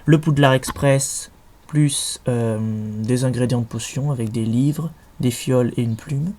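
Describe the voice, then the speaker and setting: A man's voice: mid-range voice, fairly even intonation, unhurried, a little mellow. Chatty young man with fillers. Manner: chatty, hesitant, many fillers and restarts. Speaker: collector showing his items. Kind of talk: casual show-and-tell vlog. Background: faint noise and clicks.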